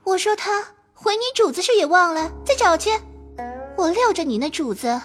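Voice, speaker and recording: A woman's voice: very high-pitched, big pitch swings, normal speed, faint music behind. A woman voicing a proud, shrewd young noblewoman who mocks the servants coldly and gives firm orders in an audio drama. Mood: mocking. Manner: cold, mocking, commanding.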